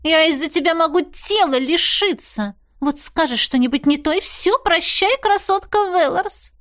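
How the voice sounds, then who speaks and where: A woman voicing a bossy, touchy female cat familiar in an audiobook, shrill and indignant. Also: very animated, unhurried, a bit bright, heavily acted.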